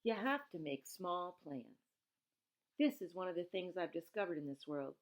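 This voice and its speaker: Reading a children's novel aloud with expression, a woman adds informal asides and explains things plainly, the way a teacher would. Her voice is lowish with lively intonation, at a moderate pace.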